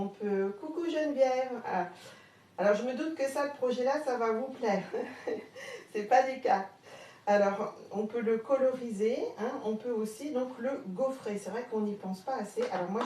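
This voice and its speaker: A woman's voice: medium pitch, warm tone. Chatty woman with a Haute-Marne accent. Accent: Haute-Marne French. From France. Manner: chatty, hesitant with many fillers, greets viewers. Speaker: craft live-stream host. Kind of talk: casual live crafting demo. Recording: roomy, distant, faint background hum.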